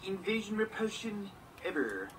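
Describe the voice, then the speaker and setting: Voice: mid-range voice, very animated, normal speed. A game actor voicing an aloof robotic alien that greets players, formal and condescending, through a robotic voice filter. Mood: haughty. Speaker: game character. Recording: distant game audio with loud music.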